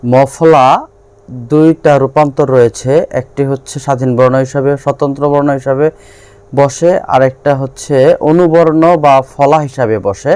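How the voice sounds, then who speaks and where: A man delivers a grammar lesson in a smooth, clear voice that sits a little high. He explains step by step, pausing often and filling gaps with hesitant sounds. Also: darkish tone. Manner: explains step by step with many pauses and fillers. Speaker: teacher.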